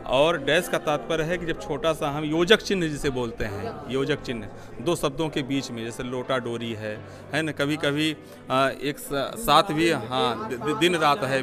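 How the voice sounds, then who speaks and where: A man interviewing teachers at an outdoor teaching fair, asking probing questions and explaining points at length. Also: mid-range voice.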